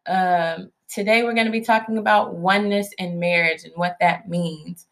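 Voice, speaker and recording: A woman's voice: lowish voice, fairly even intonation, normal speed, a bit bright. Chatty woman co-hosting a podcast. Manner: chatty storyteller, laughs easily. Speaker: podcast co-host. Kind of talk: casual chat.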